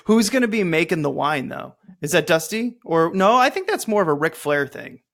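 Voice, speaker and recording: Man hosting a podcast, casual movie chat, jokey and rambling, slightly high voice, bright tone. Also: animated, normal speed. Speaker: podcast host.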